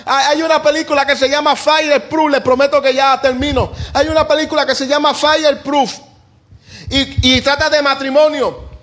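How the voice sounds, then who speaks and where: A man's voice: extremely high pitch, flat delivery, normal speed, fairly bright tone. A man, preaching a sermon as pastor with impassioned delivery and quoted voices. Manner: impassioned preaching, voicing God and people in quotes.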